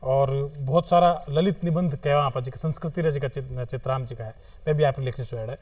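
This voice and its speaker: A man's voice: medium pitch, steady tone, darkish tone, no echo, recorded from a distance. Tv studio host guy, mid voice, asks guests about their writing, dry room, sits a bit back from the mic. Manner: reads his short poems slowly and deliberately, repeating lines. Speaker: program host. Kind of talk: hosted interview with poetry readings. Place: television studio.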